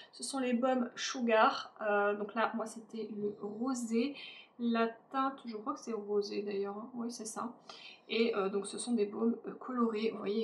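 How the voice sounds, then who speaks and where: Chatty French-speaking woman in echoey room. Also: a little high. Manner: chatty, hesitant with many fillers. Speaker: beauty vlogger. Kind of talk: casual product review. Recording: echoey room, faint ambient noise.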